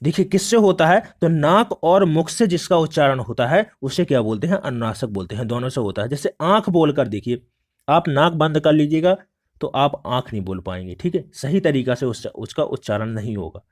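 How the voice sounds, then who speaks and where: A man's voice: a little high, animated, normal speed. A male teacher explaining exam questions step by step, often repeating "look" as he walks through each answer. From India. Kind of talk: exam prep lesson.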